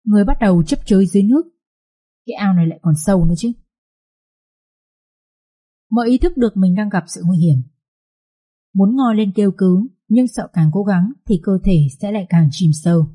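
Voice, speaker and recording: A woman narrates a family drama with lively, colloquial turns of phrase. Her voice is mellow and dark, with a husky grain. She reads at a steady, everyday pitch. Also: a little fast, long pauses. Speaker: storyteller. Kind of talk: storybook narration.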